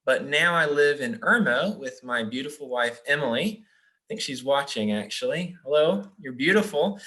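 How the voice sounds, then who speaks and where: Bright-voiced man hosting a webinar. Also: medium pitch, expressive, moderate pace. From Japan. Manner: friendly, with frequent fillers. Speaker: webinar host, donor relations officer.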